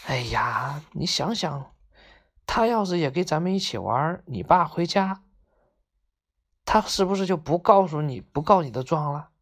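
A woman's voice: fairly low pitch, lively intonation, moderate pace, voice pushed up, close to an everyday voice. A woman voicing a chatty young male animal friend who coaxes in a conspiratorial way. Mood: hushed. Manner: coaxing, conspiratorial.

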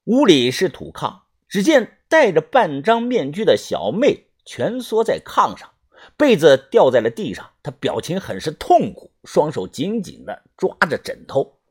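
An audiobook narrator reading a first-person adventure story. The delivery is animated, with very wide pitch swings, and the voice carries a slight husk. The pitch sits in the middle range. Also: a little slow, breathy edge.

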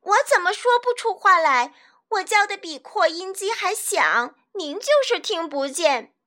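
A woman voicing a noisy, stubborn little boy who shouts and insists. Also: very high voice, lively intonation, a little slow, exaggerated voice. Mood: loud, pleading.

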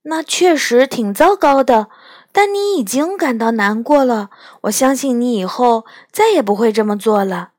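A woman's voice: medium pitch, normal speed, clear, resonant tone, no echo, clean studio sound, close to an everyday voice. A woman voicing a caring, anxious little girl who speaks eagerly and urgently in a storybook reading. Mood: comforting.

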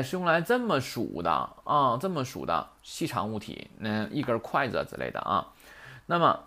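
A man's voice: mid-range voice, fairly bright tone. A man teaching Japanese grammar in a chatty lecture, often asking rhetorical questions. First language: Mandarin.

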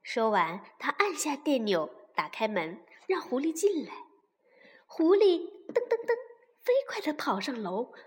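A woman slowly reading a children's story aloud, expressive and at times dropping to a whisper. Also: sits high. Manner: slow, expressive, sometimes whispering. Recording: long reverb.

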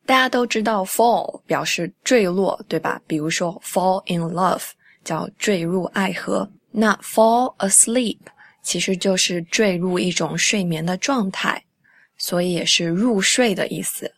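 A young woman hosting a podcast English lesson in a chatty way, repeating English phrases slowly and clearly. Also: on the low side, dry recording. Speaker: English teacher and podcast host.

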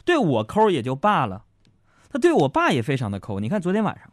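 A man's voice: a little high, wildly swooping pitch, fairly quick, no echo, clean studio sound. A man hosting a radio show, telling comic stories about his marriage in a chatty, joking manner, speaking straight to his listeners. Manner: chatty, jokey, addresses listeners directly. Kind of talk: comic monologue.

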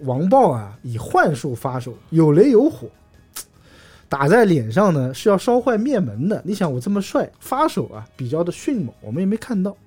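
A man hosting a casual podcast chat, retelling old novel episodes in a lively storytelling way with jokes. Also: a little high, moderate pace, husky, soft background music. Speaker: podcast host.

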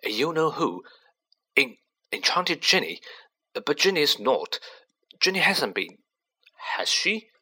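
A man's voice: fairly high pitch, very animated, slow pace, pauses often, bright, forceful tone, husky, pitched above the performer's own voice, heavily acted. A man voicing a flustered, protective middle-aged wizard father who stammers. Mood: stunned. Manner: stammering, stunned then scolding.

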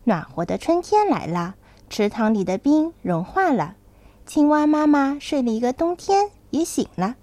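A kindergarten teacher telling a children's story, slow and expressive. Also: female voice, sits high, dry recording. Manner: slow, very expressive, sing-song.

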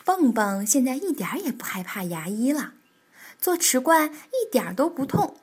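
A woman reading a children's picture book aloud as a storyteller, animated and expressive. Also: high-pitched, normal speed, slightly rough.

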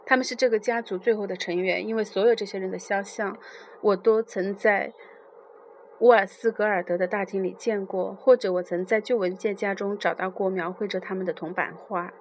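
A woman narrating a literary novel in a soft, measured, unhurried reading voice. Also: mid-range voice, fairly even intonation, a little hiss or hum.

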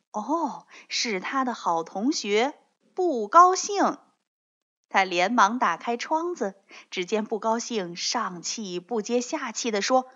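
A woman narrating a children's story in a slow, expressive, animated way. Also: a little high. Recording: dull lo-fi recording.

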